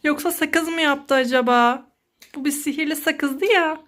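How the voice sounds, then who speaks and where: Mom vlogger, 30s woman, high voice, theatrical exclaiming, playful skit. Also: a little slow, a bit bright. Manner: dramatic, exclaiming, sing-song fussing. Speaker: mother filming her child. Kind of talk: playful family skit vlog.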